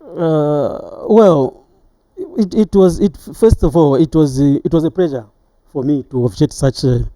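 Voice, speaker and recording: Halting and repeating himself, a middle-aged man with a Zambian accent tells an interviewer about his time as a referee, now retired. The voice is a little high and mellow, and there's no echo.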